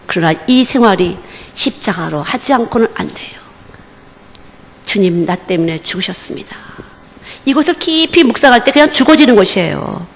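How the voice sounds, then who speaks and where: A woman's voice: medium pitch, lively intonation, normal speed. A woman missionary preaching a sermon at a church service, with emphatic, repeated short phrases. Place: church during a Wednesday service. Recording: reverberant church hall.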